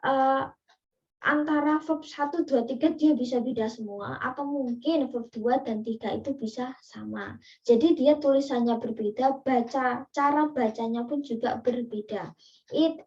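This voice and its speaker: Indonesian woman teacher, fairly high voice, chatty step-by-step explaining, heard from a distance. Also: a little mellow. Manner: explains step by step with many fillers and asides. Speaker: English teacher. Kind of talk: online class lecture. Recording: distant, muffled lo-fi recording.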